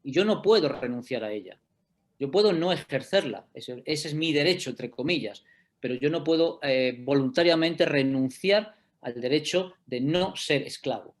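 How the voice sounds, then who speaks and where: Man, middle-aged, law lecturer, slightly high voice, explanatory, online class audio. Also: animated, normal speed. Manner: explanatory, checks in with "¿de acuerdo?" often. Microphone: video call.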